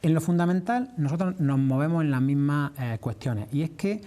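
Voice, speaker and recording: A man with an Andalusian accent giving measured, explanatory answers as a farming representative in a formal interview. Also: on the high side, animated, dark tone. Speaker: farmers' organisation representative being interviewed.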